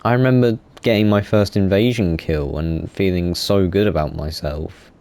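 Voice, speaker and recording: A man's voice: deep voice, moderate pace, darkish tone. A young man, casually talking about video games in a rambling, self-correcting way with many fillers. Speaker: gaming YouTuber. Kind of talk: casual gaming monologue.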